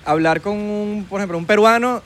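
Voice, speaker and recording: A man chats on a podcast, joking and switching between Spanish and English. His voice sits somewhat high for a man. A faint hum of background noise runs underneath. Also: a little fast, fairly bright tone. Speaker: podcast co-host. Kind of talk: casual chat.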